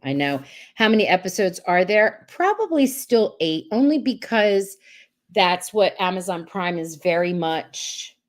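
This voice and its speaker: A woman's voice: on the low side, lively intonation, measured pace. A woman hosting a casual live-stream chat over a video call, talking in a rambling way with many restarts. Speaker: host.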